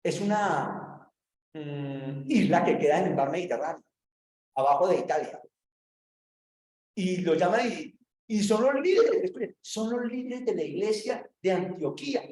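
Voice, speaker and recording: A man's voice: sits high, animated, a little slow, darkish tone, reverberant, poor audio. A man giving a preaching-style Bible lesson, talking conversationally, repeating phrases and turning to the listeners directly. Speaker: theology teacher.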